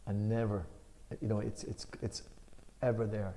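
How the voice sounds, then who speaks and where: Reading a commentary with emphasis and then explaining it loosely, with some fillers, an Irish-accented man leads a discussion of scripture. His voice sits on the low side, and he keeps a moderate pace.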